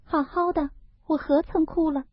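A woman voicing a frail, sensitive young noblewoman from a classic novel, breathy and high, plaintive or quick and teasing. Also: steady tone, dry recording, close to an everyday voice. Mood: teasing retort. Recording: dull, lo-fi, dry recording.

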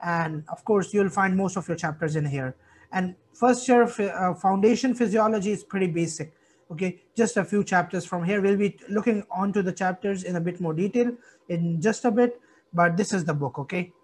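High-pitched young Pakistani man explaining. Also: moderate pace, a little mellow, a little hiss or hum. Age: young adult. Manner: repeats "okay" as a check, explanatory. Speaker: medical student giving study guidance. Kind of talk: informal online lecture.

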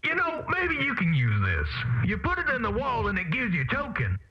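An actor voicing a suspicious, rustic moisture farmer in a video game, blunt and folksy through a muffled mask filter. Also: male voice, extremely high pitch, wildly swooping pitch, a little fast, a little hiss or hum, exaggerated voice. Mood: wary, folksy. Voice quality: muffled, masked sound. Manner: folksy, blunt rural phrasing. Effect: mask or radio filter. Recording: muffled narrow-band filter, faint music behind.

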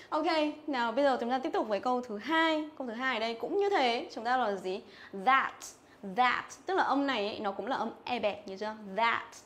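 A woman's voice: on the high side, lively intonation, brisk. A young woman giving a livestream English pronunciation lesson, repeating words over and over and checking that students remember. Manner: drills words by repeating them, checks in with "nhớ chưa?". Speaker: English teacher. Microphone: phone or webcam mic on a livestream.

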